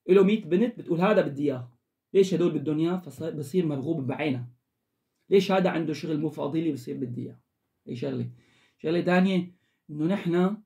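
A man's voice: on the high side, darkish tone. A man giving emphatic, lecturing advice straight to the camera as the host of an advice channel. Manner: emphatic, lecturing, repetitive instructions. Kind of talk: direct-to-camera advice monologue.

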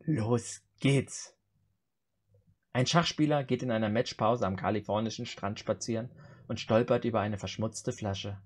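Speaking at a measured pace with a fairly low pitch, a man leads a joke challenge on a video call in an indoor room. He reads the short jokes and plays out their lines of dialogue.

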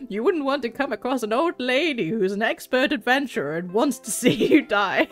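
A woman's voice: on the high side, lively intonation, normal speed, soft background music, pitched above the performer's own voice, natural voice. A woman voicing a sly, menacing old granny adventurer, for a video game. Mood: sweetly menacing. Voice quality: sugary, elderly, with a hidden threat.

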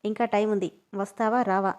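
A woman's voice: medium pitch, fairly even intonation, a little fast, natural voice. Woman reading as a curt bossy young man. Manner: sharp, commanding, teasing. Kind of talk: storybook reading.

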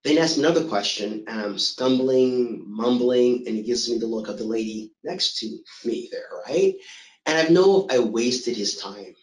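A middle-aged man giving a motivational talk, telling his own story in a lively way and acting out what others said to him. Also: medium pitch, moderate pace, reverberant, rough recording. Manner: storytelling, animated, acts out quoted voices. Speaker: motivational speaker.

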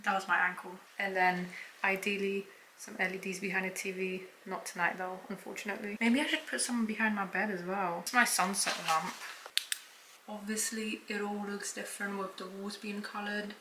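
A woman talks through her vlog from her bedroom in a bright, sharp voice. She chats in a loose, self-mocking way and swears freely. She keeps up a casual, running commentary. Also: mid-range voice, little pitch movement, moderate pace, a little hiss or hum, low-quality recording. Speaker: vlogger.

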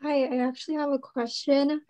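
A woman's voice: high voice, little pitch movement, moderate pace, dark tone. A young woman chatting casually and gushingly in slangy speech as an attendee asking a question. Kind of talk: casual chat.

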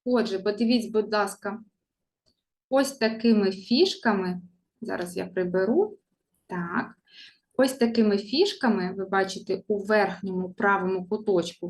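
A woman teacher giving a primary school reading lesson, talking slowly in a sing-song way to young children and modelling sounds for them to repeat. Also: medium pitch, a little mellow.

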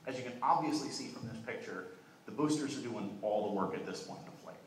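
Fast-talking man in an echoey hall. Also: medium pitch. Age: young adult. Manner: fast, fluent talk with frequent "uh" restarts. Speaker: keynote speaker. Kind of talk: conference keynote presentation. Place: large conference hall. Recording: echoey hall, voice from far off, faint noise.

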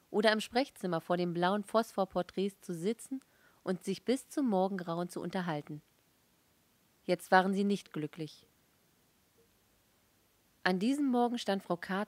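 A woman reading a novel aloud as an audiobook, in a calm, measured storytelling voice. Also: mid-range voice, no room sound. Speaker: audiobook reader. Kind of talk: scripted narration.

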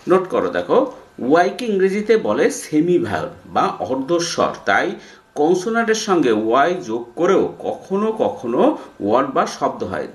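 Man, English lesson, spells words letter by letter, fairly high voice, roomy echo. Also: big pitch swings, normal speed. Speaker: English teacher.

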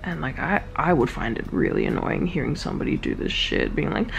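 A woman's voice: deep voice, lively intonation, a little fast, gravelly, a little hiss or hum. Chatty Australian woman vlogging. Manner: chatty, self-mocking, jokey asides. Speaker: touring singer. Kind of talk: casual vlog chat to camera.

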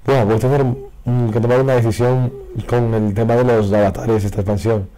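Speaking briskly at medium pitch, a hoarse card game creator tears through packs with casual commentary. He's losing his voice yet still reacts loudly and excitably to pulls, through a faulty, broken microphone.

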